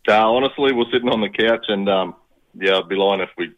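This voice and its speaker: A middle-aged man with a Queensland accent speaks in a deep voice over a dull, band-limited radio call. He chats in a laid-back, slightly halting way, with local slang. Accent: Queensland Australian. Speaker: radio interview guest, proud father. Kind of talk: casual chat.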